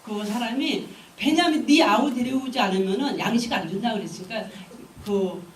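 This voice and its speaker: An earnest adult son, pleading and persuasive, as a woman preacher voices him. His voice comes out low and soft against her usual talk, carried by the echo of a hall from afar. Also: normal speed, far from the mic, a little hiss or hum, close to an everyday voice.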